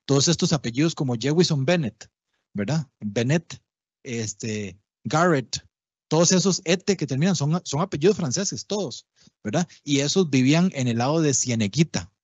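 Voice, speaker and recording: A man lectures in an explanatory, step-by-step way, often pausing to check his listeners are with him. His voice is slightly husky and sits at a middle pitch. The sound is dull and lo-fi, with a dry, close feel. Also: animated, a little mellow, dry recording. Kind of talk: public talk on language history. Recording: dull lo-fi livestream audio, dry.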